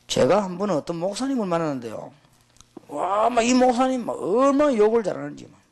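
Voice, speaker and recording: Animated high-voiced preacher man. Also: brisk, vocal fry. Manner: emphatic, animated storytelling preacher. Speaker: pastor. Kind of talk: sermon to pastors.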